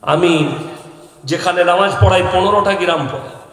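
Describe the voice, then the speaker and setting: A man preaching an impassioned sermon, firing rhetorical questions at the crowd and breaking into shouts. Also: high-pitched, moderate pace. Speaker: Islamic preacher. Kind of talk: fiery Bengali sermon at a jalsa. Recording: very echoey outdoor sermon sound system.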